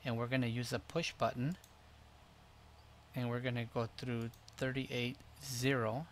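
A man hosting a screen-recorded tutorial, explaining each step in a relaxed way with frequent fillers. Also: medium pitch, measured pace, slight background noise. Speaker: tutorial host.

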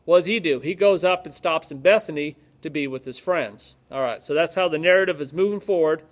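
A man's voice: fairly high pitch, a little fast. A man, a pastor teaching from the Bible in a casual, joking way and reading scripture aloud with more emphasis. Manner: conversational, joking asides, reads scripture aloud with rising emphasis. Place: office-like room with ceiling lights, indoors.

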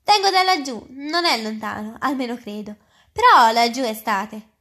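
A well-mannered little girl speaks in a storybook reading, polite but a little unsure and puzzled, as a woman reader puts her on. The voice is fairly high. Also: animated, normal speed, bright, forceful tone. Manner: polite, hesitant. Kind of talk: reading aloud.

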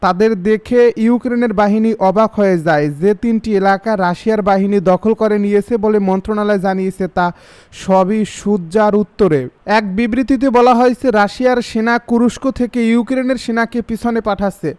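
A man reading international news bulletins in an even, formal scripted manner. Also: high voice, fairly quick, smooth. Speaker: news reader.

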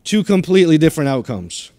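A man's voice: a little high, very animated, quick pace, warm tone, long reverb tail. A middle-aged man preaching a sermon in a church, emphatic and given to repeating his phrases as he exhorts the congregation. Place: church sanctuary.

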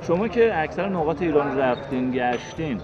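A man's voice: on the high side, animated. Middle-aged male host, music underneath. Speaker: TV travel show host, interviewer. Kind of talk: conversational presenting. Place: empty theatre auditorium with red seats. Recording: slightly muffled, music underneath.

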